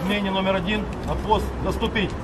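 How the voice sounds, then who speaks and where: A man shouting parade-ground commands like a drill sergeant at an outdoor ceremony. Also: high-pitched, fairly even intonation, fairly quick. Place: outdoor memorial square. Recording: noisy outdoor recording, far from mic.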